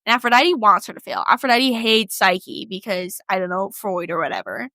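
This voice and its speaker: A woman's voice: mid-range voice, moderate pace, bright, forceful tone, no room sound. A young woman co-hosting a podcast, retelling a myth in a chatty, slangy way with lots of "like". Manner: slangy, chatty, heavy use of "like". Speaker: podcast co-host. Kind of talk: casual storytelling.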